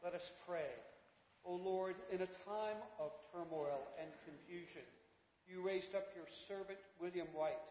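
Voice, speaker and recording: A priest reciting formal prayers in a measured, solemn way, his voice carrying a cathedral echo. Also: sits high. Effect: cathedral echo, long church reverb. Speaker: priest leading the service. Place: large church. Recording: distant voice in a reverberant church, dull sound.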